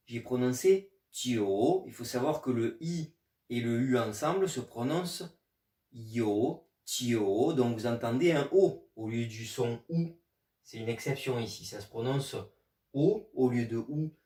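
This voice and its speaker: Male teacher, patient explainer, spells letters out slowly; roomy echo, mic set back from the speaker. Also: medium pitch, darkish tone. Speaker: Chinese language teacher. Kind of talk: explanatory video lesson. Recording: echoey room, mic at a distance.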